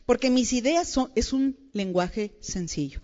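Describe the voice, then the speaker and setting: A woman with a fairly high voice preaches to a room full of women, playful and animated, throwing questions at her audience. Her voice is a little dull and carries a long reverb from the large hall around her. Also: a little slow. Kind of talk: lively conversational sermon.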